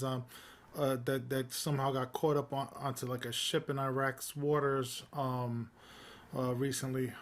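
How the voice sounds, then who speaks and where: A man co-hosting a podcast, chatting loosely about politics with lots of fillers and restarts. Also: medium pitch. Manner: rambling, many fillers and restarts, relaxed. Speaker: podcast co-host. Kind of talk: casual political discussion.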